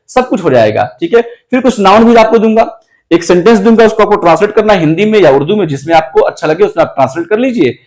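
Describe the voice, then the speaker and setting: A man teaching an English class, who explains things slowly and drills sentences word by word. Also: high-pitched, a little mellow. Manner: explains slowly, addressing students as children. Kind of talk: classroom lesson.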